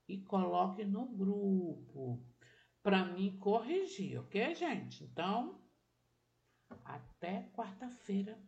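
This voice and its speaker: A woman's voice: mid-range voice, gravelly. A woman teacher giving a patient remote literacy lesson to children, walking through each step and checking that they follow along.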